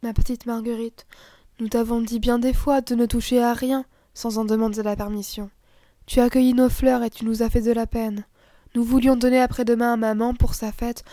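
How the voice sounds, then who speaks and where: A woman reading a gentle young girl. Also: on the high side, no room sound, clean studio sound, close to an everyday voice. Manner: soft, gently reproachful. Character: kind, gentle young girl, older sister figure.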